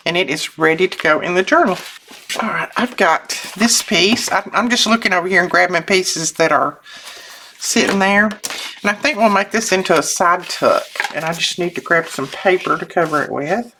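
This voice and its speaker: An older woman, a craft channel host, chats casually while crafting at her desk in a notably low voice, slightly thickened from sinus trouble, with lively intonation, normal speed and a sharp tone. She's chatty and homey, rambling, interrupting herself and chuckling often. Clear background noise and small clicks are audible.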